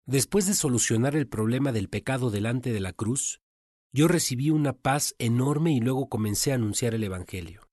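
A man's voice: medium pitch, expressive, moderate pace, darkish tone, no echo, studio quality. A man preaching a sermon in an earnest storytelling manner.

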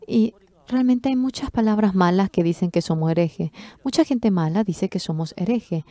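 A woman interpreting a sermon testimony, expressive, acting out quoted speech with sudden jumps in pitch. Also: normal speed, no echo.

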